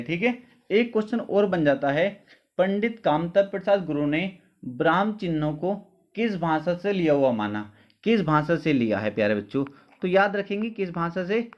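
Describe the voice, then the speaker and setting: A male teacher with a high voice gives an exam-prep lesson, asking questions, answering them himself, and dropping his voice for each answer. He often checks whether things are clear, and the lo-fi recording sounds dull.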